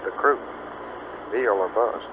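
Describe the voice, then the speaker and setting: A man's voice: on the low side, slow. A man working as flight director, giving terse, businesslike calls over a radio intercom loop. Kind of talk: mission control loop calls. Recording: very noisy archival control-room loop.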